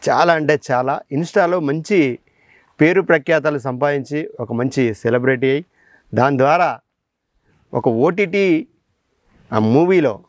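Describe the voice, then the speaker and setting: A man with a Telangana Telugu accent hosting a talent show and interviewing a guest, energetic and promotional. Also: a little high, unhurried, long pauses, no room sound. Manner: energetic, promotional, frequent mm-hm backchannels. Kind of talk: casual interview.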